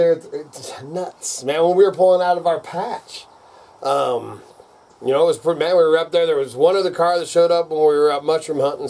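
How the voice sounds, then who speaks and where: This older vlogger speaks with a rural American accent in a slightly high voice with a darkish tone. He's ranting off the cuff to camera, rowdy and folksy in a redneck way, salty and peppered with "man" and "dude."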